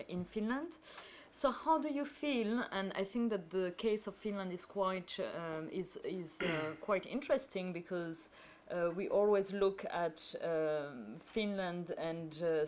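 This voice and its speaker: A woman's voice: fairly low pitch, darkish tone, slight background noise. A woman moderating a conference panel, asking long, rambling questions with frequent fillers. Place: conference hall.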